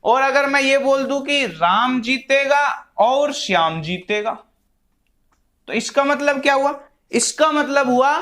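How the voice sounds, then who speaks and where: A man's voice: very high voice, sharp tone. A man teaching a grammar lesson, explaining patiently with simple examples and dictating words one at a time as he writes. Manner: slow, dictating words one by one while writing.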